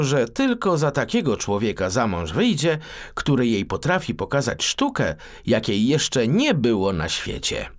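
A man with a mid-range voice narrates a scripted fairy tale audiobook for children, telling it in an expressive, theatrical way.

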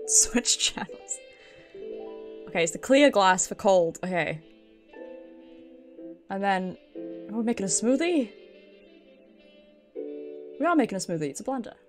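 Playing a game with its music in the background, a British woman streams live, reading dialogue aloud and talking to herself in a giggly, playful, slightly sweary manner. Her mid-range voice has lively intonation and a measured pace, broken by long pauses.

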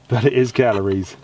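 A man's voice: mid-range voice, warm tone, slight background noise. A man in his forties with an English accent, tired and self-deprecating, talking to camera while working outdoors in a woodland at night. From England. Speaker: bushcraft vlogger. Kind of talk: casual narration to camera. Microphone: camera mic, close framing.

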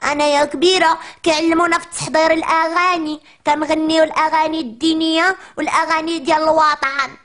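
A woman's voice: very high voice, fairly bright tone. A woman with a Moroccan accent playing a chatty, cheeky little preschool girl in a comic monologue, complaining in a whiny childish chatter.

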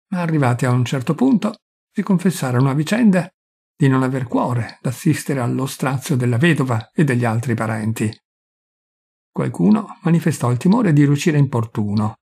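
A man narrating a classic short story as an audiobook, reading in a measured way and giving the characters' lines small shifts of voice. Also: medium pitch, darkish tone, slightly rough. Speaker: reader of literary fiction.

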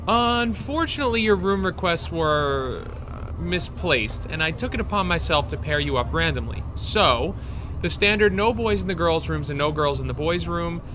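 A stern, clipped schoolteacher with no patience for complaints, played by a man in an amateur audio drama. The voice sits a touch high, and the recording carries a steady hiss of noise underneath. He talks in short, dry orders. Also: moderate pace, close to an everyday voice. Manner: stern, clipped, dryly exasperated. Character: strict, impatient male teacher on a school trip. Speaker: teacher chaperone.

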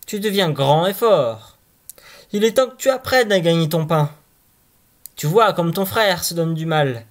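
A man's voice: on the high side, expressive, a little slow. A man reading a fairy tale aloud, voicing an exasperated peasant father who scolds his son. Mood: stern.

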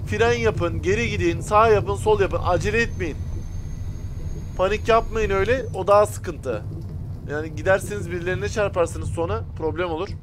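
Male gaming host with a high voice, cursing and yelling at other drivers, then explaining things straight to the viewers. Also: moderate pace, background noise. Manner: excitable and profane, shouting at other drivers; talks directly to viewers. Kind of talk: casual gameplay commentary.

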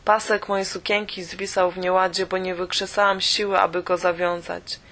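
A woman reading a first-person audiobook in a steady, measured way. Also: lowish voice. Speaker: audiobook reader.

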